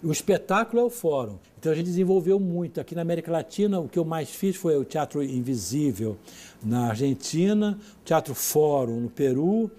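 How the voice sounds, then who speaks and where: A theatre director, telling stories in an interview and acting out the voices of the people in them. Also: male voice, on the high side, a little fast. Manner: lively, acts out the voices of people in his stories, laughs mid-sentence. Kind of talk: storytelling in an interview.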